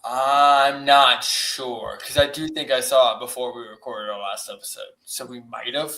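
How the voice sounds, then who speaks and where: A man's voice: medium pitch, fairly even intonation, unhurried, pushed and bright, echoey room, rough recording. A man co-hosting a podcast in casual chat, easygoing and recovering from a recent illness with a cough. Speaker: podcast co-host.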